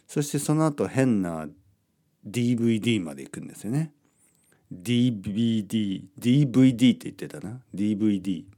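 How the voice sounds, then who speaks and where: A man's voice: on the low side, mellow. A middle-aged man hosting a podcast, talking casually and rambling with frequent self-interruptions. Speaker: podcast host. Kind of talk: casual monologue about Japanese language.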